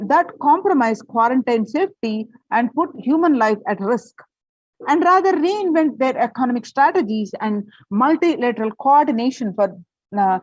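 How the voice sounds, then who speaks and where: Reading a prepared article, this female presenter has a somewhat high, a little husky and mellow voice with wide pitch swings. Occasional fillers and restarts break her flow, captured in a dry, slightly dull recording.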